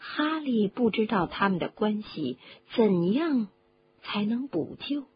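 A woman reading a storybook aloud with dramatic, expressive narration that drops low for suspense. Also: slow, muffled recording, a little hiss or hum. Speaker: audiobook reader.

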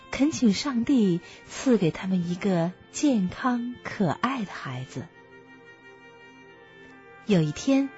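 A woman reading a fairy tale aloud to children, as a gentle storyteller. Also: medium pitch. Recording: muffled, dry, soft music behind.

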